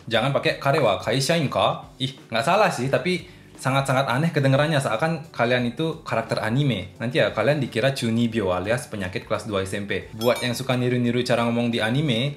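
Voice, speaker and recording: A young man casually teaching a language lesson, chatty and patient, working through spoken examples. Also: mid-range voice. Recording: roomy echo with faint music.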